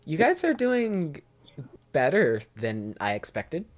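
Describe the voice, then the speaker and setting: Young female game master with a strikingly low, expressive voice, chatty and organizing. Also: slow. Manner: chatty, organizing players with frequent "um"s. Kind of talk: running a tabletop game over voice chat.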